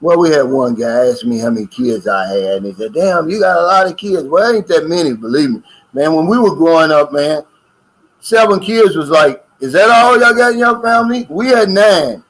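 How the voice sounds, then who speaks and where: Reading out viewer comments with a folksy, drawling style, this older American co-host keeps the livestream chat casual. He sounds a little high and animated, speaks at a moderate pace, and the audio is rough.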